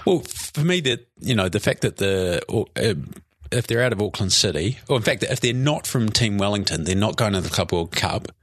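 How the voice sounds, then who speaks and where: A man's voice: fairly low pitch, lively intonation, normal speed, hardly any pauses, a bit bright, no room sound, clean studio sound. A man co-hosting a casual sports podcast, laying out his arguments step by step. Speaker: podcast co-host.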